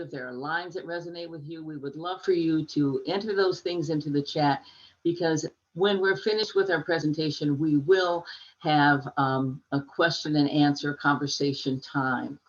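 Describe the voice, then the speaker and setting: An older woman, a poet, introducing a poetry reading over a video call in a gracious, measured way. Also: low-pitched, highs cut off. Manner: gracious, measured, with small restarts. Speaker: poet and co-host.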